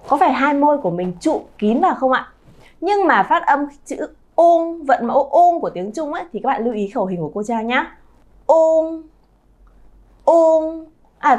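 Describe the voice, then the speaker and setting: A lively woman with a high-sitting voice, a Chinese teacher and channel founder, gives a pronunciation lesson to camera. She stretches out sounds to model how they should be pronounced.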